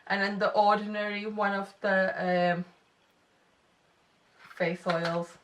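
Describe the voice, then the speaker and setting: A woman's voice: medium pitch, flat delivery, slow, recorded from a distance, a little hiss or hum. A woman in her twenties with a slight lisp, reviewing makeup in a chatty, self-deprecating way. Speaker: beauty vlogger. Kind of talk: casual product review.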